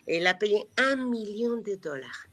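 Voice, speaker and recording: A woman's voice: mid-range voice, lively intonation, normal speed. A woman from Mexico, whose first language is Spanish, speaking with a Mexican Spanish accent as a chatty, hesitant guide on a live virtual tour over a video call. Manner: chatty, hesitant, many fillers and restarts.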